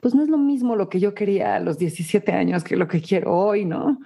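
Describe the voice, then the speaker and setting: A woman's voice: medium pitch, a little fast, gravelly, warm tone. A woman, co-hosting a reflective conversation in a musing, casual way. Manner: musing, often ending phrases with a questioning "¿no?". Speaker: podcast co-host.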